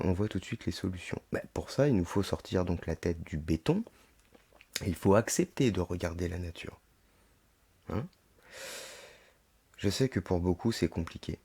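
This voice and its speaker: A deep-voiced man delivers a podcast monologue, moving between reading and commentary. His tone is dark and gravelly, with the thickened sound of a sore, swollen throat. He speaks in hesitant stretches broken by rhetorical asides. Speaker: podcast host. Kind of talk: monologue reading a text aloud with running commentary.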